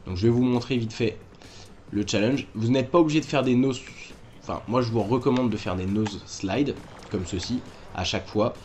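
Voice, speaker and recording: A man's voice: mid-range voice, normal speed, darkish tone, slight background noise. A man hosting a game walkthrough, talking casually and correcting himself as he explains moves to viewers. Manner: chatty, self-correcting, addresses viewers directly. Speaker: gaming walkthrough host.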